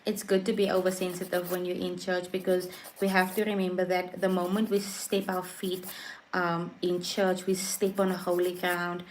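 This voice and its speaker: A woman hosting a casual faith talk on a livestream, emphatic and repetitive, swinging between soft murmurs and high exclamations. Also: level tone, normal speed, slight background noise. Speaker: livestream host.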